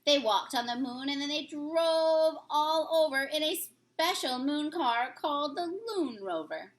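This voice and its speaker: A woman teacher with a high-sitting voice reads a rhyming picture book aloud to children at a measured pace. Her delivery is expressive and sing-song, in a storybook manner.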